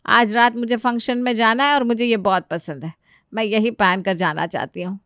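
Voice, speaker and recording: A woman voicing a bossy mother-in-law in a cartoon story, loud and scolding. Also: fairly high pitch, steady tone, moderate pace, dry recording, clean studio sound. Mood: commanding. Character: bossy mother-in-law who loves her sari.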